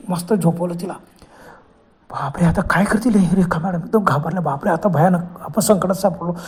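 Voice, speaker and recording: A man's voice: high-pitched, dark tone, husky. A man narrating a horror story with a dramatic, exclaiming manner.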